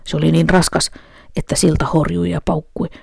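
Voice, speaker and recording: A woman storyteller reading a children's story aloud at a gentle, unhurried pace. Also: low voice, level tone, creaky, breathy edge, dry recording, studio quality.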